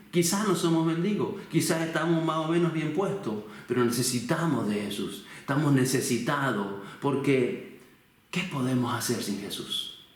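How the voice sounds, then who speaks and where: Male preacher, mid-pitched, earnest and personal, asking rhetorical questions; boomy echoing room at home. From Canary Islands. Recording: very echoey room.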